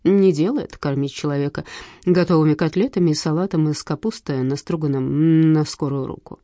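A woman reading an audiobook in a lively, wry storytelling manner. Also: deep voice, a little fast, no echo, clean studio sound. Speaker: narrator. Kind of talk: audiobook narration.

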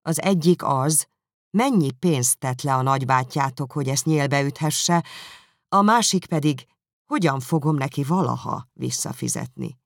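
A man voicing a weary, dry-humoured older father in an audiobook, in his own low voice. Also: creaky, dry recording. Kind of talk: audiobook character reading.

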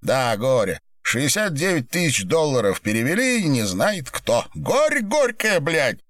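A man's voice: medium pitch, big pitch swings, unhurried, no room sound, pitched above the performer's own voice. A man reading an audiobook and voicing a brash, impatient, foul-mouthed male boss. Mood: exasperated. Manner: loud, coarse, bossy.

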